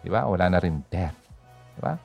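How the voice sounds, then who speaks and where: A man's voice: deep voice, animated, normal speed, gravelly, darkish tone, soft background music. A man hosting a radio talk, chatting casually about grief and faith, full of fillers and little "ha?" tags. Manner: chatty, code-switching, many fillers and "ha?" tags. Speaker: radio host.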